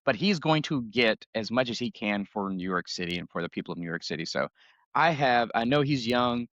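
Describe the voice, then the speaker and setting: A man's voice: mid-range voice, animated, fairly quick, a bit bright, no room sound, muffled recording. A man co-hosting a podcast, chatting casually and jokingly, at times reading notes aloud. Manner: laid-back, jokey, reads notes aloud. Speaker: podcast co-host. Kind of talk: casual chat.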